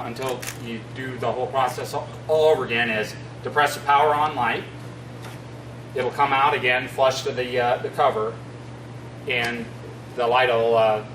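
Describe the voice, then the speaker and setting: A middle-aged man giving an informal instructional demonstration in a halting, matter-of-fact way. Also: mid-range voice, a bit bright. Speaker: fire district equipment trainer. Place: concrete-floored equipment room, indoors. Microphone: distant camera across the room. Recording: echoey, noisy, distant camera sound.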